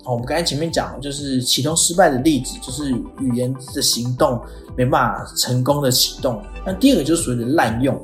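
A podcast host, explaining ideas step by step in a casual lecture, often filling pauses with "哦" and acting out example dialogue. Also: medium pitch. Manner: explains step by step, frequent "哦" fillers, acts out quoted lines. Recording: roomy echo with faint background music.

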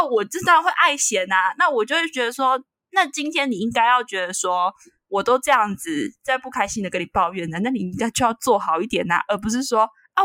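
A woman co-hosting a casual chat podcast, telling stories with animated delivery, acting out both sides of arguments and laughing often. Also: fairly high pitch, no echo. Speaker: podcast co-host.

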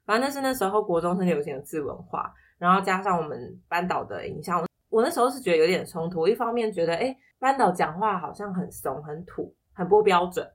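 Lower-pitched woman, Taiwanese Mandarin accent. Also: animated, a little fast, few pauses. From Taipei, Taiwan. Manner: reflective, explanatory, quotes others in anecdotes. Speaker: podcast guest. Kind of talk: casual personal storytelling in an interview.

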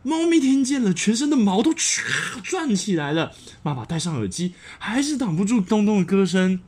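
A man's voice: high-pitched, sing-song, normal speed, a little mellow, slightly rough. A man reading a children's bedtime story aloud, voicing stomping sound effects as he goes.

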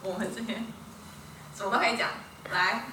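A woman's voice: medium pitch, steady tone, brisk, sharp tone. Woman host heard from a distance, echoey. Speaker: podcast host. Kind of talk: casual interview chat. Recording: roomy, distant mic with noticeable noise.

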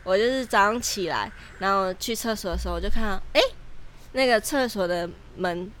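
A woman in her twenties with a Taiwanese Mandarin accent, telling an animated story as a podcast co-host in casual chat. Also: mid-range voice, a little fast, a little hiss or hum. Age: 20s. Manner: animated storytelling, lively and dramatic.

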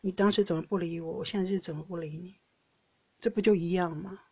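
A middle-aged woman with a Taiwanese Mandarin accent, hosting a podcast and telling personal stories in an emotional, animated way. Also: lowish voice, fast, slightly rough, muffled recording. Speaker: podcast host. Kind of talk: casual personal storytelling.

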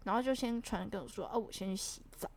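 A young woman casually telling a story on a podcast, swinging from hushed mutters to loud indignant outbursts. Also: medium pitch, fast, gravelly, dry recording. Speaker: podcast co-host.

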